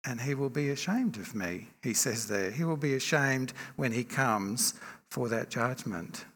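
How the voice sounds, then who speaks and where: A man preaching a sermon in a church, measured and reflective, often asking rhetorical questions. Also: medium pitch, lively intonation, fairly bright tone. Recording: long reverb from a large hall.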